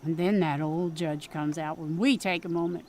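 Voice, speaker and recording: A woman with a deep, steady, slightly mellow voice speaks at normal speed. She's an actress in a period radio drama, playing a pushy small-town mother with a Midwestern American accent. Her delivery is folksy, plain-spoken, and scolding.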